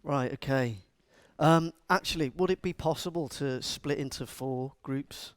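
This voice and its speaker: Speaking to a live conference audience, a middle-aged Scouse man from Liverpool, England, uses a medium pitch and measured pace, with no room sound audible. The agile coach chats, cracks jokes, and asks the crowd questions.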